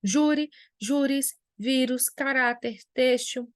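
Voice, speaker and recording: High-voiced teacher, patient. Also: female voice, slow, dry recording, studio quality. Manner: patient, explanatory, answers imagined student questions. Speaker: Portuguese language teacher. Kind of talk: classroom lesson at a whiteboard.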